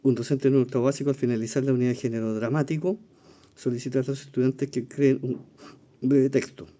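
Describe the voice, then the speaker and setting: A man's voice: mid-range voice, fairly even intonation, fast, dark tone. A man with a Chilean Spanish accent walking through exam questions in a recorded lesson, explaining step by step, thinking aloud with fillers and checking in with his listeners. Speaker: teacher reviewing exam questions.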